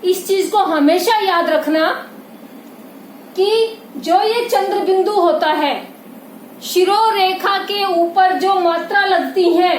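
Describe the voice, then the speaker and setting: A woman teaching a Hindi grammar lesson, patient and repetitive, who often checks that her students follow and calls them "beta". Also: very high voice. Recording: echoey room with faint noise.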